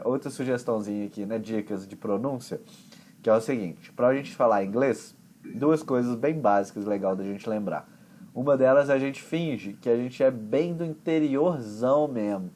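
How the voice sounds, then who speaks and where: A man with a Brazilian accent, an English teacher explaining pronunciation in a chatty, relaxed way with homely examples. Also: medium pitch. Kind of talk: conversation class explanation.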